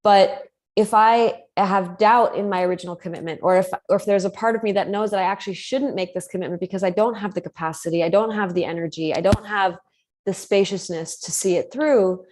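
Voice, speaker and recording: On a live video call with slight background noise, a coach with a mid-range, darkish voice speaks briskly through her call mic. She reflects earnestly on commitment as she thinks aloud, with frequent fillers and restarts.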